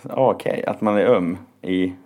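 A man's voice: deep voice, a little mellow. A tired man giving short, playful remarks in a casual chat while producing music.

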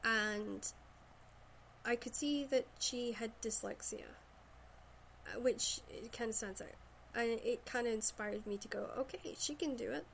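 A woman's voice: fairly high pitch, steady tone, a little slow, fairly bright tone, slight background noise. A woman from Shetland with a Shetland Scottish accent, chatting casually about books. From Shetland, Scotland.

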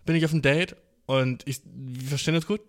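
A man's voice: medium pitch, steady tone, fairly quick. A young man hosting a casual solo podcast, hyperactive and playful, full of slang and swearing, who keeps calling the listener bro. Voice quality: slangy, swears a lot, says bro constantly. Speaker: podcast host. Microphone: phone in hand.

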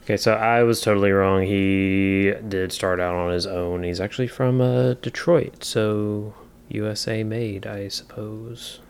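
A man's voice: lowish voice, fairly even intonation, measured pace, vocal fry, smooth. A man co-hosting a casual guitar podcast, easygoing and agreeable, readily admitting when he is wrong. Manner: easygoing, agreeable, self-correcting. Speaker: podcast co-host. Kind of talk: casual chat.

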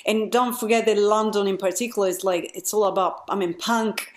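A woman's voice: mid-range voice, steady tone, brisk, roomy sound, a little hiss or hum. A woman musician from Europe, chatting casually as an interview guest and laughing easily.

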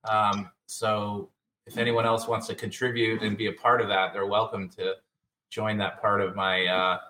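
A man guest on a casual panel, rambling with halting restarts, speaking in a room he shares with other guests. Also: fairly low pitch, sharp tone, recorded from a distance, a little hiss or hum. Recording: echoey room, off-mic.

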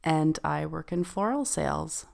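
A woman in her late thirties introducing herself as a podcast guest, softly. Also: low-pitched, expressive, unhurried, vocal fry. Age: 30s.

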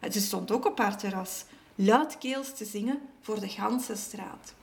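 Gravelly woman reading a story. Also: medium pitch, measured pace, darkish tone. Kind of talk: reading a children's story aloud.

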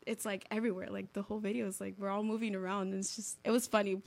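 A woman's voice: medium pitch, flat delivery, racing, creaky, a little mellow. A young woman from Miami, talking casually as a guest in an interview, with lots of "like" and "um" fillers. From Miami, United States. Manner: chatty, uses lots of "like" and "um" fillers.

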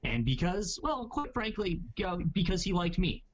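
A man's voice: high-pitched, very animated, moderate pace, highs cut off. A man hosting a casual podcast chat, talking in rambling, hedging sentences full of asides. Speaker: podcast host.

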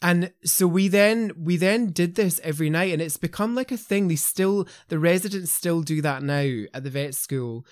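A man hosting a veterinary podcast, chatty and animated as he tells stories. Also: fairly high pitch, normal speed, hardly any pauses, no echo, clean studio sound. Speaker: podcast host, vet. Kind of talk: casual podcast chat.

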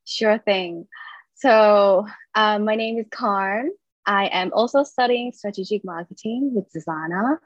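A chatty woman in her twenties, originally from Thailand, talks as a guest on a student podcast, upbeat and quick to laugh between her stories. Her voice sits at a middle pitch. The recording is dry and slightly dull, with no room sound. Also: dry recording. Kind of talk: casual interview chat.

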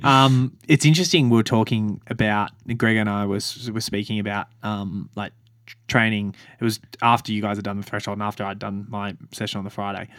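Low-voiced man, chatty and laughing. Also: little pitch movement, a bit bright, no echo, clean studio sound. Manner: chatty, laughing, quick asides. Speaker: podcast co-host. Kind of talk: casual chat.

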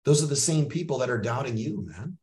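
A man's voice: mid-range voice, expressive, brisk, a little mellow. A middle-aged Canadian man hosting a podcast, talking bluntly and profanely in a motivational coaching tone. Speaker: podcast host. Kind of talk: motivational monologue. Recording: roomy sound, mic at a distance.

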